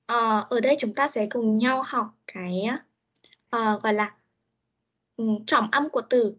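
Husky-voiced woman teaching online. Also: a little high, a little slow, a bit bright. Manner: mixes Vietnamese and simple English, hesitant fillers. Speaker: English teacher. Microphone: computer mic on a video call.

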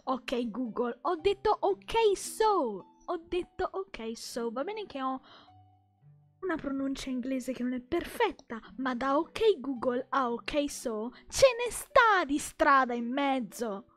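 A young woman with an Italian accent chats casually with viewers while playing. Her voice sits high and she speaks slowly, reading lines aloud and laughing easily, with soft game music faint in the background. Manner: playful, chatty, laughs often, reads game dialogue aloud. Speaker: streamer. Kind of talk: casual live gameplay chat.

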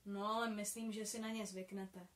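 A woman reading the part of a friendly, teasing young man who has had many adventures, in a calm, kindly storytelling tone. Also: mid-range voice, echoey room, lightly acted.

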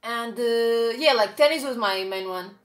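A young adult vlogger from Portugal talks at a measured pace in a somewhat high voice, with a Portuguese accent and frequent fillers and restarts. She's indoors in a small bright room at home, the camera a few feet off, with an echoey room and soft music in the background.

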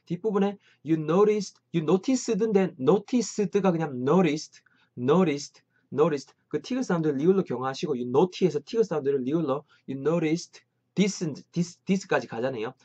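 A man teaching an English lesson, lively, drilling phrases slowly and repeatedly. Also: on the high side, dull audio.

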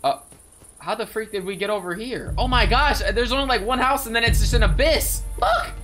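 A man's voice: high voice, brisk, a bit bright, soft background music. A man in his twenties giving slangy, joking gameplay commentary with playful mock outrage. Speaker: gaming video host.

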